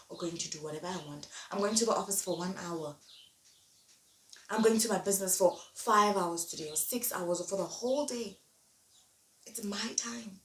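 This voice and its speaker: A woman's voice: medium pitch, recorded from a distance. A young woman speaks emphatically in a motivational monologue, leaning on repetition to drive her points home. She sounds set back from the mic in an echoey room, with a faint hiss of noise underneath. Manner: emphatic, repeats key phrases. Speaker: vlogger.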